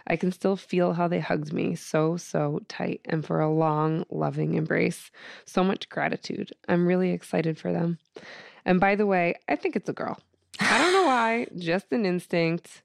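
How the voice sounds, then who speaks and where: A woman's voice: lowish voice, creaky, no room sound, studio quality. A woman guest on a podcast, reading from her journal and talking in an earnest, emotional way with many fillers.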